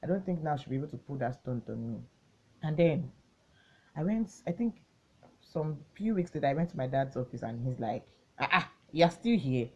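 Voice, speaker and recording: A young woman with a low, deep voice talks through a chatty, rambling storytime for her channel. The home recording sounds muffled and lo-fi. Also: fairly quick, slightly rough. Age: 20s. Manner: chatty, rambling, gets excited recounting the story. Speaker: vlogger. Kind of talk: casual storytime chat.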